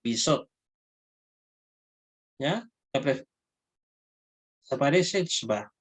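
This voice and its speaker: Male language teacher, slightly high voice, informal classroom lecture, frequent check-ins, halting delivery. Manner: checks understanding with frequent tag questions; halting, restarts phrases often. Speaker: Hebrew grammar teacher.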